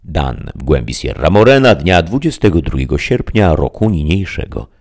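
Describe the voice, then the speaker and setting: A man's voice: rumbling low, sing-song, moderate pace, a little mellow, full character voice. A man voicing a lofty, solemn old knight in a stately, declamatory manner, reading an audiobook.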